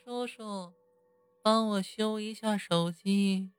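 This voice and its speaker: A woman's voice: medium pitch, slow, clean tone, no echo, studio quality, close to an everyday voice. A woman voicing a faint, dreamlike, ghostly voice that seems to drift from far away in a horror story. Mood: pleading. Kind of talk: horror story audio drama.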